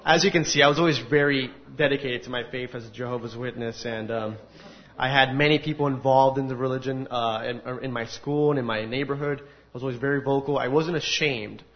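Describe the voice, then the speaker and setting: An earnest American man tells his story as a personal testimony at a faith gathering, speaking to an audience in a large room. His mid-range voice stays fairly even and moves a little fast. The recording is dull and lo-fi.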